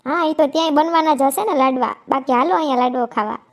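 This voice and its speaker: A woman speaks in a very high, piping voice. She is chirpy and agreeable in a comic sketch, firing back quick, eager answers. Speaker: friend in a comedy sketch. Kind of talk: scripted comic village chat.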